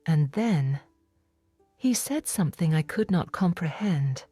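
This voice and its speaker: Whispered role-play, woman voicing a forgiven biblical woman, low hushed whisper, slow and reverent, mellow and dry, faint music behind. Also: lively intonation, dry recording. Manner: hushed, reverent, intimate first-person storytelling. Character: repentant forgiven woman of biblical times, tender and awed. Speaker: audiobook narrator.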